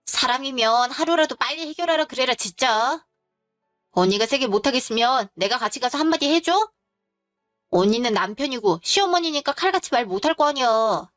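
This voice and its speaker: A woman's voice: high voice, a bit bright. A woman voicing an outspoken younger sister who urges her older sister to stand firm, in a spoken story. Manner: blunt, urging.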